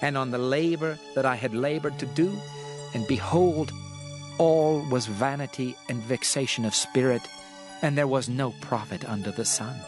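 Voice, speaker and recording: Music plays clearly behind a solemn king acted by a man, reflective and weary of the world. He declaims dramatized scripture in measured phrases, with a mid-pitched voice. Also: natural voice. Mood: reflective, declamatory.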